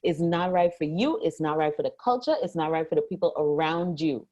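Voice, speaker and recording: A woman's voice: sits low, fairly quick, mellow. A woman co-host in a casual ranting chat, speaking emphatically and repeating phrases to drive her point home. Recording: dull lo-fi audio.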